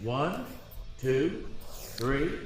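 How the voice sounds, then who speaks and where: An actor voicing a stern, commanding boxing referee and ring announcer in a video game, speaking formally. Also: male voice, medium pitch, sing-song, extremely slow. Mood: firm counting. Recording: game audio under loud music.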